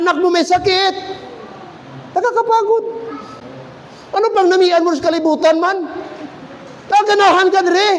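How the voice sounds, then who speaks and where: High-voiced shouting preacher, echoey hall. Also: male voice, a little hiss or hum. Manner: impassioned, often shouting, mixes English into Filipino, calls out to the congregation. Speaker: pastor. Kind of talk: fervent preaching sermon. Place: church service.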